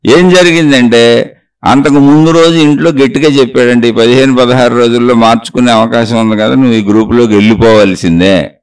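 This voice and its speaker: Guy doing a spiritual talk, middle pitch, talks right at you, asks questions, repeats himself while telling a story. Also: steady tone, fairly quick, smooth. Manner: addresses the listener directly with rhetorical questions; tells a true story, repeating phrases. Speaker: spiritual speaker.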